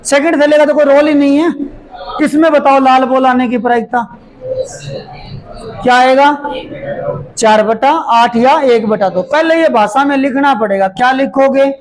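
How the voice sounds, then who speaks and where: A man teaching a maths lesson, going through each step slowly and repeating it while he writes it out. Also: extremely high pitch, poor audio. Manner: slow, repeats steps as he writes. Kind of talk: classroom lesson explanation.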